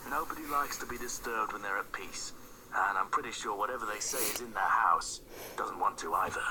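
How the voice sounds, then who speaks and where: A superstitious old cab driver, talking in a hushed, gravelly murmur pitched far down, as a woman puts him on. Recorded with a steady hiss of noise behind the voice. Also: a little fast. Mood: ominous. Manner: low hushed whisper, ominous warnings. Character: gruff older male taxi driver, wary.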